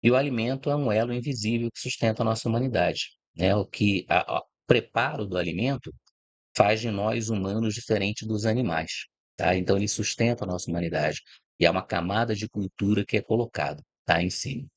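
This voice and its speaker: A low-voiced man born in Rio de Janeiro, Brazil, hosts a channel on food and agribusiness and talks informally to camera. He explains things calmly and reflectively at a fairly quick pace, often tagging his sentences with "né?" and "tá?". There's no echo on the recording.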